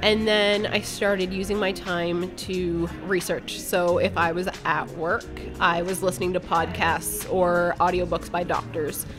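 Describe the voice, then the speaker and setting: A woman's voice: on the low side, little pitch movement, unhurried, few pauses. Outspoken woman, plain-spoken storyteller, casual swearing, music behind her. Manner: candid, blunt, speaks her mind. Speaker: podcast guest. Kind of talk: telling a personal story in conversation.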